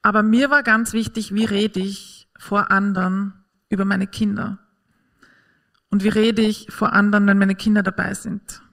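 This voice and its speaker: A woman delivers a faith-based parenting talk in an earnest, encouraging manner. Her pitch sits in an ordinary middle register. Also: level tone, normal speed, creaky, a bit bright.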